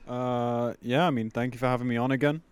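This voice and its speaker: Clear-voiced man, close and dry. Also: mid-range voice, level tone, fairly quick, no room sound. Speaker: guest streamer. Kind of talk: casual chat. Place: remote online group call.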